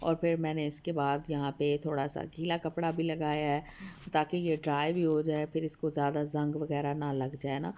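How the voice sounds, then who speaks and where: Woman, home vlogger voice-over, slightly hoarse, low, flat and mellow, homely and polite. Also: normal speed. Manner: chatty and homely, addresses viewers politely. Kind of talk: casual voice-over narration of a home video. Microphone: voice-over recorded apart from the video.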